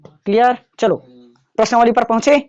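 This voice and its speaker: A man's voice: very high-pitched, level tone, moderate pace, dull audio. A man teaching a maths lesson to students in a classroom, in a casual way, often checking whether they have understood.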